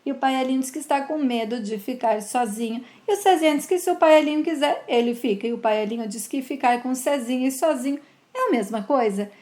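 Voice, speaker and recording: Speaking quickly in a high yet somewhat dark voice, this woman casually recounts a soap episode, using affectionate, sympathetic diminutives for the characters. Noticeable room echo surrounds her.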